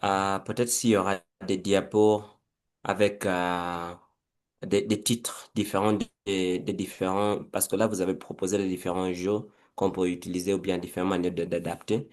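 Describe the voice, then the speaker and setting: A man with a Kenyan accent, a teacher asking a question in an online workshop over a video call, halting and repeating words. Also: deep voice, flat delivery. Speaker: participating teacher.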